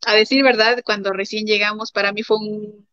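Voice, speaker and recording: A woman's voice: medium pitch, level tone, normal speed, a bit bright, no echo. Casting: Mexican woman guest, chatty, lots of fillers, dry lo-fi recording. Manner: chatty, many fillers, acts out quoted voices. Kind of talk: casual testimony chat. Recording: dry, dull lo-fi sound.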